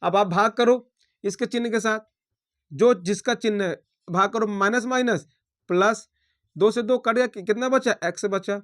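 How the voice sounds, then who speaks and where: A male maths teacher talks through a problem at a steady classroom pace, naming every sign and step as he works. His voice sits noticeably high for a man. He keeps checking in with the class. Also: normal speed. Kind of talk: blackboard maths lesson.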